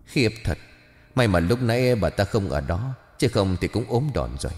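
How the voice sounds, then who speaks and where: A man's voice: lowish voice, expressive, normal speed, darkish tone, in a large hall, close to an everyday voice. A man doing a vengeful young woman ghost. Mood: enraged. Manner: snarling, threatening. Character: vengeful young female ghost, furious and shrieking.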